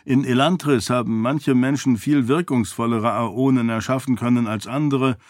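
A man voicing a calm, sceptical male friend who explains things in a level way. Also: mid-range voice, normal speed, dry recording, studio quality, lightly acted. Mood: explaining.

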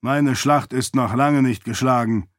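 A man voicing a proud, hot-tempered male military commander who talks in a sharp, raised, commanding voice. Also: mid-range voice, a little slow, no echo, clean studio sound, close to an everyday voice. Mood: angry, defiant.

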